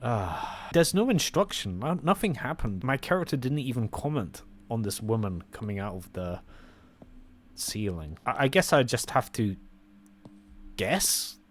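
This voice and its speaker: A man's voice: medium pitch, very animated, a little slow. A man giving sarcastic, exasperated commentary while reviewing a horror game. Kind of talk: gameplay commentary.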